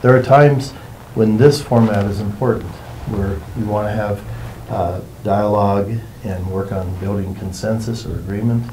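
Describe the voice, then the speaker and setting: A man leading a workshop, explaining things to a group in an informal, meandering and unhurried way. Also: lowish voice, steady tone, background noise. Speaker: workshop facilitator.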